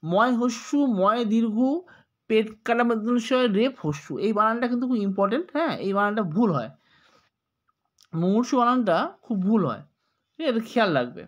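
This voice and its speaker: A man with a Bengali accent teaching a spelling lesson, slowly spelling out words letter by letter and repeating the corrections. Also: high voice, expressive. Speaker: exam tutor.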